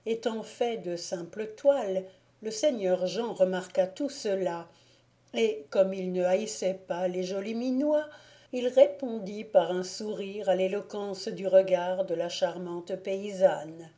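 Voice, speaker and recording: A woman narrating a classic novel as an audiobook reader, in a measured storytelling manner. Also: medium pitch, warm tone.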